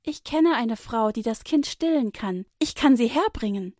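A woman voicing a young girl, an anxious but brave big sister in a children's Bible story, speaking high and eagerly. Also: normal speed, no room sound, clean studio sound, lightly acted. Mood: firm. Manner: high, eager, tearful pleading.

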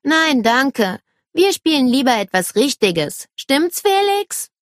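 A woman's voice: a little high, sing-song, normal speed, dry recording, clean studio sound, voice pushed up. A woman doing cocky big brother David. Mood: dismissive. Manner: cocky, mocking. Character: teasing older brother David, a boy.

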